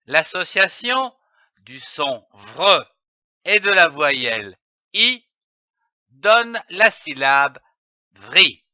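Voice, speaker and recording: Slow, bright man spelling syllables. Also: on the high side, big pitch swings, no room sound. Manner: spells letters out and sounds syllables slowly, repeating each. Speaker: reading teacher. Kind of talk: slow syllable-by-syllable reading lesson. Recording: dull, dry lo-fi recording.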